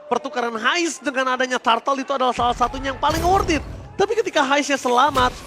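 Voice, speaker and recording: Male Indonesian esports caster, very high voice, rapid-fire and excited play-by-play, emphatic delivery over music. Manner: animated, emphatic, often raising his voice to a shout. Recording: music behind the voice.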